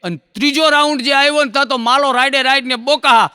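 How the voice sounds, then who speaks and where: Male comedian, very high bright voice, folksy stage storyteller, hall reverb. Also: clean studio sound. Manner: folksy storytelling, acting out characters in quick dialogue. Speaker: stand-up comedian. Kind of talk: Gujarati joke telling, stage storytelling.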